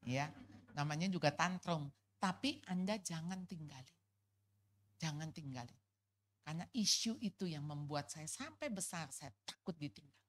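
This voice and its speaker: A middle-aged woman from gives a personal testimony at a church couples' fellowship, telling it in a lively, casual way with colloquial asides. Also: deep voice, normal speed. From Jakarta.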